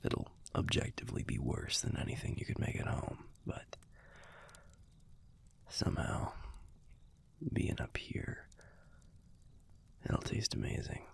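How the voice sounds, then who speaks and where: Whispering with light acting, a man with an American accent plays a young werewolf boyfriend who is gruff yet tender, talking softly to the listener in an intimate audio roleplay. His low voice is breathy, husky, and gravelly, his delivery a laid-back, halting murmur with casual swearing, and he sounds fond and nostalgic.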